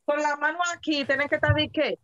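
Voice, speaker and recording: High-voiced woman chatting. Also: fast, dry recording. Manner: animated, exclaiming, complains about rude habits. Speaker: panelist. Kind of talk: casual group chat. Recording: dull, dry lo-fi sound.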